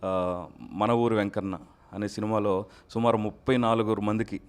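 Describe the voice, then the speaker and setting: A soft-spoken man with a lowish voice, guest on an interview. He answers in a measured, polite way. He sounds like he is in a studio. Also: little pitch movement, clear, resonant tone. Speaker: mimicry artist guest. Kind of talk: casual interview chat. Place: recording studio.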